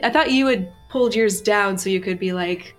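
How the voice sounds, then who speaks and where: A woman's voice: medium pitch, moderate pace, soft background music. A woman narrating as game master of a tabletop role-playing game.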